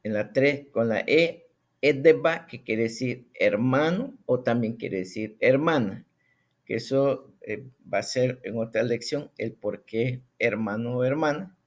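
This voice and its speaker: A man teaching a recorded language lesson, speaking slowly and deliberately and repeating sounds for the listener to practice. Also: medium pitch.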